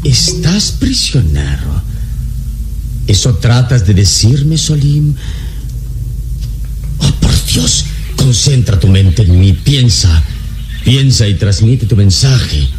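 Radio drama lead: noble protective hero, very deep, slow, commanding, with big melodic swings. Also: male voice, big pitch swings, over music. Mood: urgent. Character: noble adult hero with mental powers, intense, protective.

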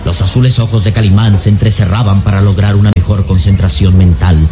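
A man narrating an adventure serial as a solemn storyteller, with measured, scripted dramatic delivery. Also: on the low side, fairly even intonation, music in the background, lightly acted. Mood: solemn, suspenseful.

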